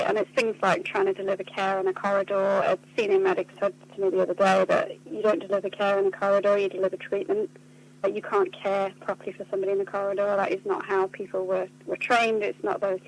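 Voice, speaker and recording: In a poor-quality recording, a charity communications officer is interviewed on the radio. Her mid-range voice comes across articulate and earnest as she explains things in her spoken answers.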